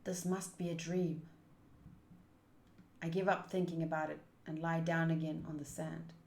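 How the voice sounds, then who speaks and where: A low-pitched woman's voice with vocal fry and a darkish tone barely moves in pitch, going at a moderate pace in a reverberant space. She's streaming a visual novel informally, reading game text aloud and thinking out loud along the way.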